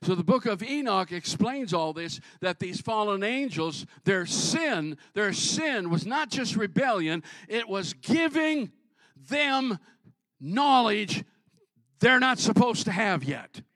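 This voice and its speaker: A man preaching a sermon to his congregation, joking with them and building up to shouts. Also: high voice, sing-song, slow pace, no room sound, studio quality. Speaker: pastor.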